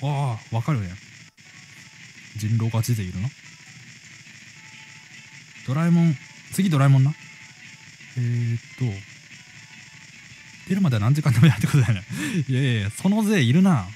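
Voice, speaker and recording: A man's voice: mid-range voice, animated, normal speed, long pauses, dark tone, faint music behind, low-quality recording. A man streaming a game from a room at home, chatting casually and reacting to viewer comments as he reads them aloud. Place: room at home near neighbors.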